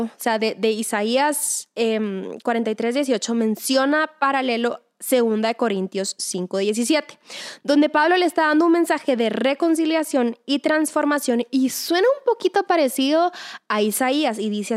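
A young woman with a high voice shares a personal testimony. She talks in a chatty, storytelling way, with plenty of fillers and quotes acted out as she goes. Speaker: devotional speaker. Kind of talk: personal testimony and Bible reflection.

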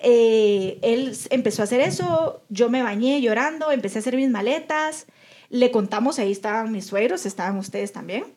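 On a podcast, a young adult woman co-host chats casually, her voice on the higher side with a darkish tone and a moderate pace. She earnestly recounts a personal story, acting out the lines her relatives said.

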